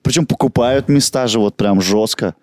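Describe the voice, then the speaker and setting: A man's voice: mid-range voice, normal speed, a little mellow, no echo, studio quality. A man co-hosting a podcast, talking casually about films. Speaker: podcast co-host. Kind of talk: casual film chat.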